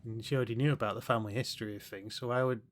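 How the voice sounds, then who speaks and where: A man's voice: mid-range voice, steady tone, rapid-fire. A man hosting a livestream with casual, rambling, sarcastic commentary on a game show. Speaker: livestream host.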